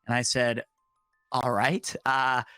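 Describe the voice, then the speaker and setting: A man and voice actor telling a strange work story in casual chat, animated and acting out the voices he quotes. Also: medium pitch, slow pace, clean tone, dry recording, studio quality, soft background music.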